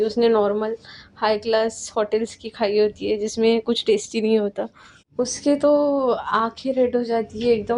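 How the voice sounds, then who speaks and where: Mellow-voiced woman storyteller. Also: on the high side, slight background noise. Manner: chatty, unscripted, drawn-out phrasing. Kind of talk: casual story narration.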